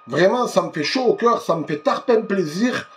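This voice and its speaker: A man's voice: sits high, lively intonation, moderate pace, a bit bright. A worked-up man ranting through a football match debrief, swearing and calling his viewers brothers. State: tense, worked up. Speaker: football fan vlogger.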